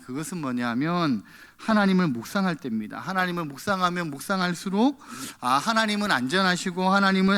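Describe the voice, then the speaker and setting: A man's voice: high-pitched, fairly bright tone. A male pastor preaching a sermon in church, acting out the quoted prayers in a raised voice.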